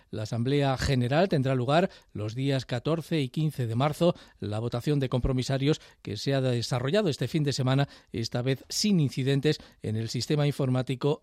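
Guy reading the news, dry studio sound, steady and formal. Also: mid-range voice, dry recording. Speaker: news anchor. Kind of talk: read news bulletin. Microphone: studio mic.

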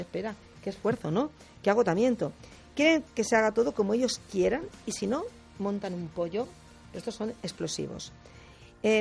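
A woman with a gravelly, creaky voice talks as a radio guest in a lively, explanatory way. She keeps tossing in short tag questions and slips into acted quotes. Her pitch sits in a middle range. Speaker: guest speaker on difficult personalities. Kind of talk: radio talk chat.

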